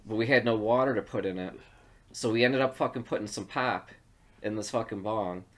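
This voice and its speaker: A man's voice: fairly low pitch, brisk. A man, co-hosting a podcast and telling a rambling, profane story in casual chat. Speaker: podcast co-host.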